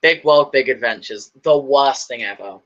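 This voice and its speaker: A man's voice: medium pitch, normal speed, fairly bright tone, lo-fi sound. A man chatting casually about his opinions, rambling and enthusiastic, with many fillers and restarts. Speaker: video host.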